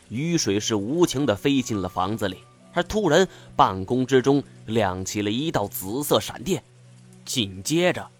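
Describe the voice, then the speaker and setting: A man narrating a spoken storybook in a measured, vivid way. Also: lowish voice.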